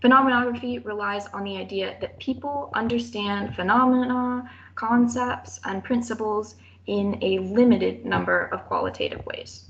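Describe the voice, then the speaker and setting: A woman's voice: mid-range voice, moderate pace, lo-fi sound. A young adult woman delivers a prepared thesis defense in a mid-range voice. Her delivery is formal and careful, with occasional hesitations. There is some background noise on the recording. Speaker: student presenter defending a thesis. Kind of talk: prepared academic presentation.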